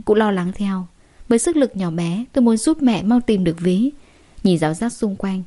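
Mellow-voiced woman narrating a story. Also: medium pitch. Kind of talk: first-person story narration.

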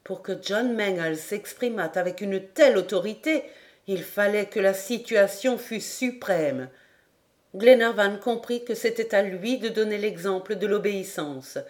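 A woman reading a classic adventure novel aloud, steady and expressive as she carries a storm scene. Her voice sits at an ordinary middle pitch, recorded close on a home microphone. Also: unhurried. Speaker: audiobook narrator.

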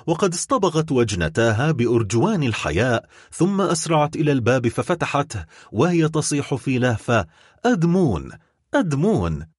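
An expressive, dramatic male narrator reading a classic novel aloud. His pitch swings widely across each line, and his voice has a husky, slightly breathy texture. The recording is dry and close, with no room sound. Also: no echo.

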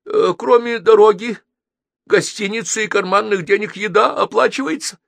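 A man voicing an energetic elderly grandmother in an audiobook, shouting insistently. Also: sits high, normal speed, creaky, no room sound, voice pushed up.

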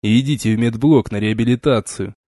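A man voicing a stern, weary starship captain who gives slow, measured commands in an audiobook. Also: medium pitch, mellow, no echo, clean studio sound, close to an everyday voice. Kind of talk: audiobook character reading.

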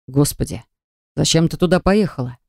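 A woman voicing a tense young husband who talks in a low, strained growl. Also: normal speed, creaky, a little mellow, dry recording, studio quality. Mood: shouting.

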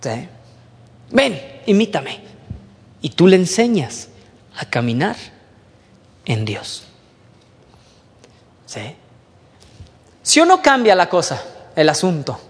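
A man preaching to a youth group, lively and conversational, mimicking whiny young voices and dropping low for emphasis. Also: slow pace, pauses often, breathy edge, in a large hall. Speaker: youth pastor. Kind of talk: sermon.

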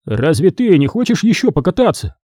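An eager, careless father brushes off warnings, voiced by a man reading the story. His voice is a little raised and animated, dark and husky. The reading is close and dry. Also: sits high, a little fast, no echo, pitched above the performer's own voice. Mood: disappointed. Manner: excited, defensive.

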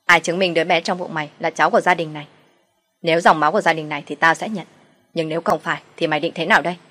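A domineering older mother-in-law from an audio story, voiced by a woman narrator, sharp and contemptuous with a somewhat low voice. She scolds hard and bosses people around. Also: steady tone, brisk, breathy edge. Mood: scolding.

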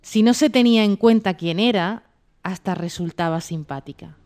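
Woman reading a story in a mellow voice. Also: mid-range voice. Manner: gentle, measured reading. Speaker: story reader. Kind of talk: storybook narration.

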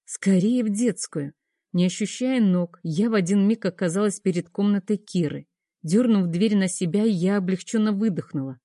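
A woman's voice: on the low side, mellow, no echo. A woman narrating a first-person audiobook in a tense, dramatic storytelling manner on a close mic.

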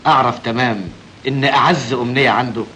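A man plays a polite young Egyptian gentleman who defers to his elders. His voice sits at a middle pitch and he talks very quickly. Faint hiss lies under this old soundtrack. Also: fairly even intonation, natural voice, poor audio. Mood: courteous. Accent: Egyptian Arabic. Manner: courteous, deferential. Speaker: friend of the hero.

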